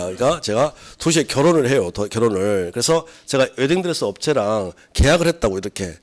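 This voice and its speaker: A middle-aged man lectures a classroom on civil law. His pitch sits a little high, and his voice swings widely as he acts out examples. He keeps firing questions at the students. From South Korea.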